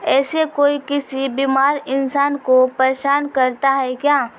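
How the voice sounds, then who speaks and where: A woman voicing an irritable older mother-in-law who is sick in bed, snapping sharp, scolding retorts at her daughter-in-law in a storybook reading. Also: sits high, level tone, slow pace.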